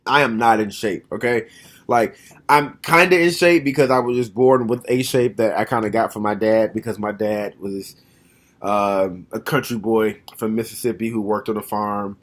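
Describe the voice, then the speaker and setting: At home, a man in his thirties speaks to the camera in a casual, reflective monologue, frank and plainspoken, thinking aloud as he goes. His voice runs on the low side with fairly even intonation, a moderate pace and a fairly bright tone.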